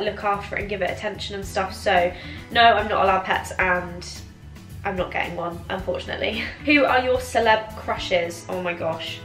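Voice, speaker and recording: A woman's voice: mid-range voice, fairly bright tone. A British woman in her twenties chatting casually in a giggly, tipsy way as she answers viewer questions. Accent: British English. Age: 20s. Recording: roomy echo, music behind.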